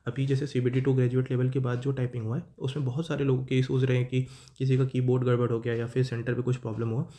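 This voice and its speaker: Mellow-voiced young Indian man explaining. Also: mid-range voice, little pitch movement, quick pace. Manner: conversational, keeps saying "friends", self-correcting. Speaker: exam-prep YouTuber. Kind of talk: casual explainer talk to students.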